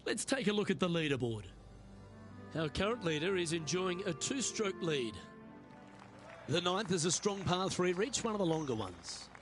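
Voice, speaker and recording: High-pitched male golf commentator. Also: big pitch swings, moderate pace, faint music behind. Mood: composed, admiring. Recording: clear outdoor background noise.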